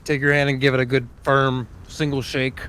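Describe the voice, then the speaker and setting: A man playing a young, wary adventurer who asks halting, chatty questions in a tabletop game. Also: mid-range voice, flat delivery, a bit bright, a little hiss or hum, natural voice. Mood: curious. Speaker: player. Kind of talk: tabletop role-play in character.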